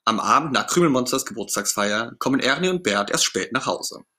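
A man narrating a children's storybook in a lively, playful way. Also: medium pitch, a little fast.

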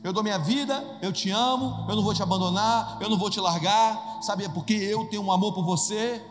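An impulsive, stubborn Peter argues in a raised, insistent, pleading voice, as a Brazilian preacher acts him out. His voice sits a little higher than the preacher's own and echoes around a reverberant hall. Soft music plays behind him. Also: a little fast, natural voice. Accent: Brazilian Portuguese. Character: impulsive, stubborn, anxious male disciple Peter.

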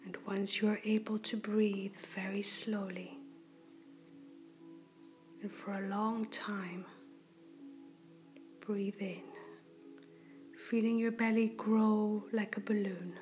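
A woman in a soft whisper, slowly and gently guiding a breathing meditation. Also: medium pitch, level tone, faint music behind. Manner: slow, gentle and soothing. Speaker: meditation guide.

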